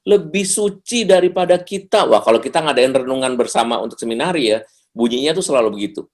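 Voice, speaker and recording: An animated man gives a seminar talk over a video call, his pitch swinging widely as he moves between explanation and acted-out exchanges. His voice sits at an ordinary middle pitch when he is plainly explaining. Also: fast. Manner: animated, acts out dialogue with jumps in pitch. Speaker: seminar speaker.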